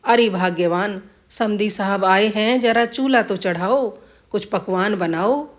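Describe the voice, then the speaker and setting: A woman's voice: medium pitch, a little slow, lightly acted. A woman voicing a scheming, bossy old village husband who scolds and commands. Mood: scolding.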